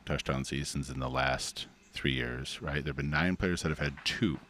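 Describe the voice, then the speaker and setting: A man with a gravelly voice co-hosting a podcast, chatting casually about sports in a teasing, conversational way. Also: extremely low pitch, normal speed, sharp tone. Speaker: podcast co-host.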